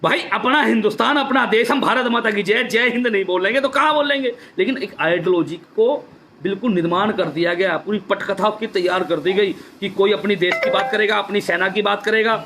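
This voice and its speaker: A man speaks with fervour on a live stream, his voice sitting high, and he drives each point home by saying it twice. A faint hiss of noise runs under him. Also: brisk, fairly bright tone. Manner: emphatic, repeats key phrases. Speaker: political speaker on a social media live stream. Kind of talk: impassioned live-stream address.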